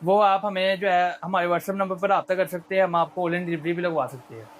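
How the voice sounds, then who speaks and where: With a Pakistani accent, a male shop seller delivers an unscripted, persuasive sales pitch in repetitive patter. His tone stays steady and his pace brisk.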